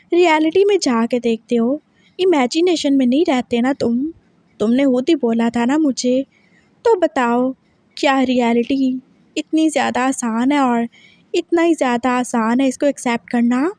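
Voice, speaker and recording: A woman plays a possessive young husband who keeps firing questions and won't let up. The voice sits high and bright, and the recording is dry and close with no room sound. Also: unhurried, dry recording. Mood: taunting. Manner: pressing, repeats questions. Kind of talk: dramatic story reading.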